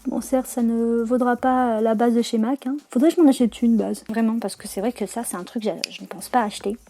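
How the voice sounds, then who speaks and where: A woman's voice: a little high, fairly even intonation, brisk, mellow, faint music behind. A young woman chatting casually through a makeup tutorial, slangy and full of fillers and self-corrections. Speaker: beauty vlogger.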